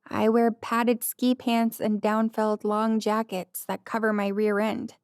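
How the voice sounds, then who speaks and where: A woman's voice: mid-range voice, level tone, measured pace, darkish tone, clean tone, no room sound, clean studio sound, natural voice. A woman voicing a modest young woman pleading to avoid flashy ski clothes, in an audiobook. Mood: fretting. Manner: pleading, self-deprecating. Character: awkward modest young woman out of her element.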